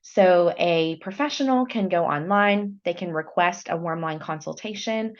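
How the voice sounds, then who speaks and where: A woman's voice: on the low side, normal speed, highs cut off. A woman presenting conference material, explaining services steadily with a few fillers. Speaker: workshop presenter.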